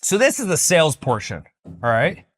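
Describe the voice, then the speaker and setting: A man's voice: a little high, wildly swooping pitch, moderate pace, fairly bright tone. A man teaching sales and business methods in a casual video, talking directly and persuasively and checking in with the listener. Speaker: business coach.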